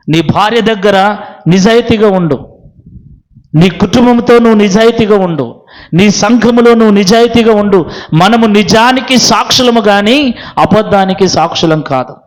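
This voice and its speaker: A male pastor preaching a sermon with a Telugu accent, firing sharp rhetorical questions at his listeners. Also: sits high, measured pace, long pauses.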